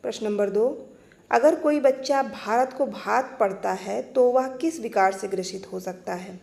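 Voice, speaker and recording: A woman's voice: fairly high pitch, measured pace, a little mellow. Woman teacher explaining exam topics. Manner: clear, explanatory, repeats points for emphasis. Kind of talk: exam-prep lesson.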